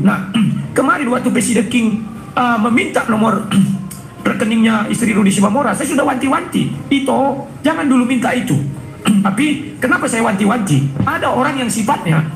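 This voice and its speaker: High, gravelly angry man. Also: roomy sound, poor audio. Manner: angry, indignant, frequent throat clearing. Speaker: live streamer. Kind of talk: heated live-stream rant.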